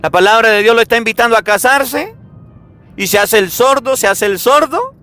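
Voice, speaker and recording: Animated priest preaching, high bright voice. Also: male voice, moderate pace, soft background music. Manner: animated storytelling, acting out everyday dialogues. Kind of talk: sermon.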